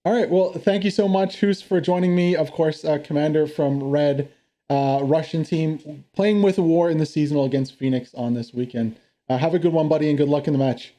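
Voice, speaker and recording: A man's voice: a little high, brisk, dark tone. A man hosting a casual interview with esports team commanders, friendly and talkative with many fillers.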